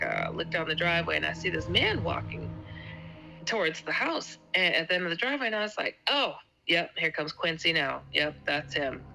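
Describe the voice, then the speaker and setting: A woman's voice: deep voice, creaky, low-quality recording. A woman guest telling a personal story in a casual interview, stammering and repeating words as she acts out quotes. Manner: laughs often between sentences. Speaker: guest author.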